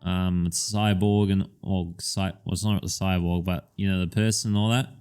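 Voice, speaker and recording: A man's voice: deep voice, flat delivery, moderate pace, a little mellow, clear, resonant tone, faint music behind. A man co-hosting a podcast in casual chat, rambling with lots of "um"s and casual swearing. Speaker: podcast co-host.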